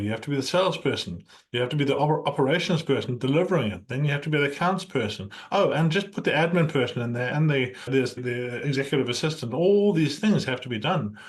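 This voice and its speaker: Encouraging male podcast host. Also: mid-range voice. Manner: encouraging, emphatic, asks rhetorical "right?". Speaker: podcast host and business coach. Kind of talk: conversational interview.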